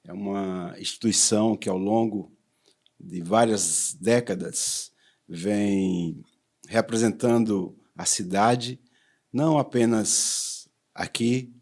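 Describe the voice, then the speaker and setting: A man from Pernambuco with a Pernambuco accent hosting a TV interview, speaking in a measured, formal way. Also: lowish voice, a little mellow, husky. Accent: Pernambuco Portuguese. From Arcoverde, Pernambuco, Brazil. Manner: measured, formal welcoming phrasing. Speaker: talk show host, poet.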